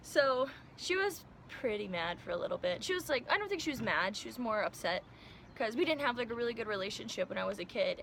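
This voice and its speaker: A young woman from Iowa telling her story casually to the camera, animated and laughing often, acting out the voices of the people she quotes. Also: medium pitch, gravelly, slight background noise. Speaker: vlogger.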